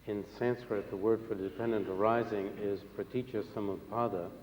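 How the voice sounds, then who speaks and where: Dark, low-voiced male interpreter in echoey hall. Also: fairly even intonation. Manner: measured, formal, pausing between short phrases. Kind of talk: consecutive interpreting of a religious teaching. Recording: echoey hall, long reverb, faint noise.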